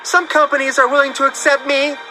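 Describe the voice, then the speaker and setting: Man putting on a shrill spoiled starlet. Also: little pitch movement, brisk, faint music behind, heavily acted. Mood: furious. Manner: shrill shouting. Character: spoiled furious young actress, arrogant.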